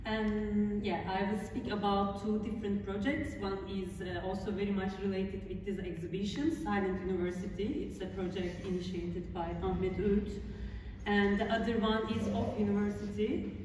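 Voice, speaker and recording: A woman with a Turkish accent giving a public lecture in an art gallery, speaking earnestly with many filler sounds and halting phrases. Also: mid-range voice, little pitch movement, darkish tone, a little hiss or hum. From Turkey. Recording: echoey gallery hall from far off.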